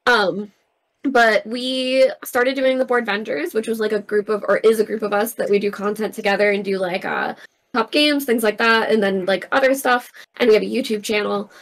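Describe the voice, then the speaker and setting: A woman's voice: medium pitch, fairly even intonation, normal speed. A woman guest in a tabletop card game session, chatting in an upbeat way. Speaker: guest player. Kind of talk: casual chat during a tabletop game.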